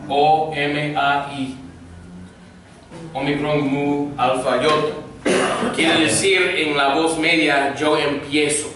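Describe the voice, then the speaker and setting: A male teacher giving a Koine Greek grammar lesson, speaking slowly and patiently and having the class repeat each word. His voice is a little high, and he is recorded from far off in a very echoey room with faint noise behind him. He carefully explains verb endings and meanings. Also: level tone. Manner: slow, patient drilling with repeat-after-me prompts.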